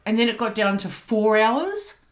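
A woman with a slightly high voice and wide pitch swings speaks at an unhurried pace. She hosts a podcast from her couch at home, chatting candidly and often pausing to find her words. The recording has a roomy echo.

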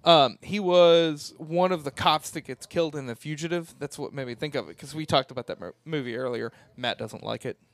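A man co-hosting a casual movie watch-along, talking about movies in an excitable fan's way. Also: a little fast, few pauses, no room sound. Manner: excitable movie fan, rising pitch when worked up. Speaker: podcast co-host, called J B.

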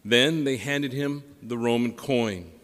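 A priest reading the gospel and preaching a homily in deliberate, measured phrases, his voice carrying a long cathedral echo. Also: mid-range voice, fairly bright tone. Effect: cathedral echo, long church reverb. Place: large parish church. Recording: long reverb of a large church.

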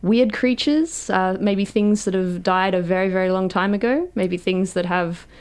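A woman's voice: mid-range voice, moderate pace, darkish tone, clear, resonant tone. A curious, inquisitive woman hosting a casual live science chat show from a radio studio.

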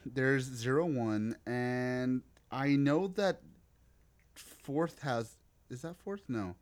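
A man's voice: mid-range voice, extremely slow. A man, co-hosting a podcast in casual chat, teasing, laughing and swearing freely. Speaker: podcast co-host.

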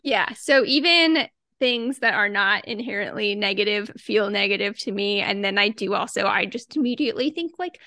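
A woman's voice: mid-range voice, lively intonation, moderate pace, bright, forceful tone, no echo, studio quality. A woman co-hosting a podcast in casual chat, leading the conversation with a chatty, laughing manner. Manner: chatty, leads the topic with frequent laughs. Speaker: podcast co-host.

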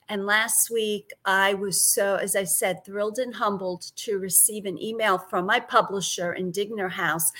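A woman's voice: mid-range voice, a bit bright. An older woman with a Brooklyn accent speaking as an author guest in a conversational interview, effusive and emphatic. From Brooklyn, New York.

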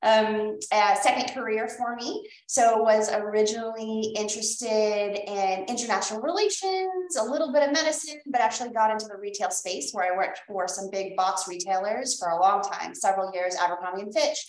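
A woman's voice: medium pitch, moderate pace, hardly any pauses, echoey room, rough recording. A middle-aged woman with a mild Boston accent, giving conversational answers as an interview guest. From Boston area, Massachusetts, USA. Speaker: interview guest, EMS professional.

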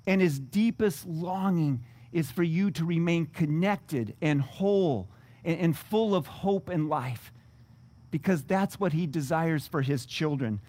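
Earnest high-voiced male pastor preaching. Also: unhurried, a little mellow. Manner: earnest preaching with frequent restarts and stumbles; reads scripture then explains it emphatically. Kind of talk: sermon.

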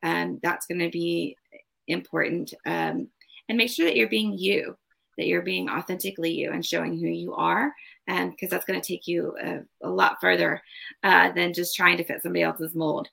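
A woman's voice: fairly low pitch, steady tone, normal speed, creaky, bright, forceful tone, husky. A woman giving a casual spoken card reading as host, advising in an emphatic, repetitive way. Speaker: tarot card reader and host.

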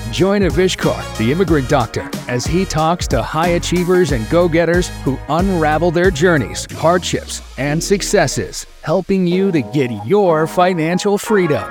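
A man's voice: fairly high pitch, expressive, measured pace, few pauses. A man reading a scripted podcast intro in a polished, promotional way. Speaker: show announcer. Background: music.

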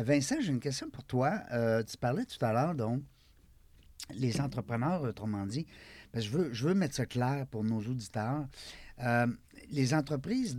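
A man's voice: mid-range voice, darkish tone, no room sound. Québécois male co-host, playful and chatty, dry close sound. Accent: Québécois French. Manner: joking, chatty, asks guests questions. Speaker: podcast co-host. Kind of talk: casual panel discussion.

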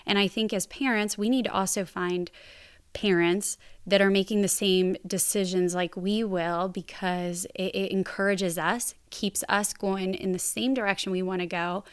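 A woman's voice: medium pitch, fairly even intonation, moderate pace, smooth. A woman in her thirties or forties giving casual parenting advice, candid and self-deprecating, laughing at her own habits.

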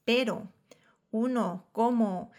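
A woman's voice: fairly high pitch, takes it slowly, darkish tone. A woman hosting a casual conversation, switching between Spanish and English mid-sentence in Spanglish. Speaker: podcast host, dental professional.

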